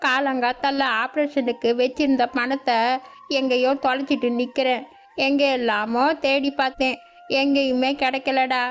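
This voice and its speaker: A woman's voice: sits high, little pitch movement, slight background noise, close to an everyday voice. A woman voicing a wailing old village grandmother. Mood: tearful, pleading. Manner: wailing, slow and pleading. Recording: dull lo-fi audio with background music.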